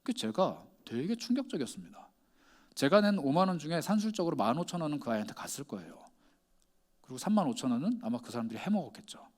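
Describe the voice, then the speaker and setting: A man's voice: a little high, sing-song, quick pace, a little mellow. A male pastor preaching a sermon, putting pointed rhetorical questions to his congregation.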